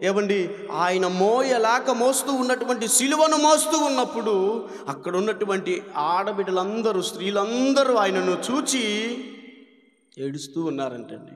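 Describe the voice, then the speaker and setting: Pastor, male, Telugu accent, high voice, fervent sermon delivery, roomy hall sound. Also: a little slow. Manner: fervent preaching with call-and-response hallelujahs. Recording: echoey hall with long reverb.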